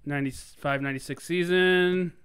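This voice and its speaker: Smooth-voiced, jokey podcast host. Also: male voice, a little high, fairly even intonation, moderate pace, fairly bright tone. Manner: laughing, jokey, self-deprecating. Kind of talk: casual chat. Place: his basement.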